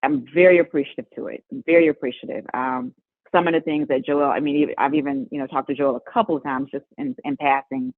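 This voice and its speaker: Here a low-voiced, fast-talking middle-aged woman recounts stories in an interview, laughing frequently as she goes. She appears as a guest and is the mother of an NBA player. The recording is dry and has a tinny phone-line quality.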